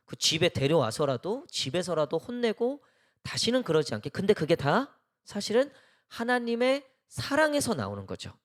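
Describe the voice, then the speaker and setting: A man preaching a midweek sermon in a church, talking conversationally and often asking the congregation questions. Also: fairly high pitch. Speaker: pastor.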